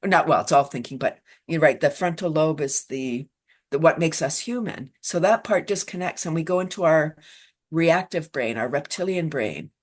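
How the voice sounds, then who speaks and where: A woman teaching laughter yoga in an interview, animated and quick to laugh, acting out little voices as she explains. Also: deep voice. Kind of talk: enthusiastic interview talk.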